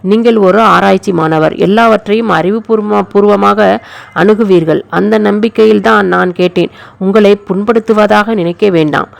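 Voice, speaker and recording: A storyteller reading the lines of a frank, thoughtful young woman who speaks softly and reasons carefully. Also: medium pitch, moderate pace, gravelly, no echo. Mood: earnest. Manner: soft, reasoned, gently persuasive.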